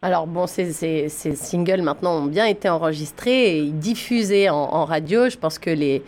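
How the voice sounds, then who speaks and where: A woman hosting a radio interview, asking measured questions with occasional stumbles. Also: deep voice, a little mellow. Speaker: radio host.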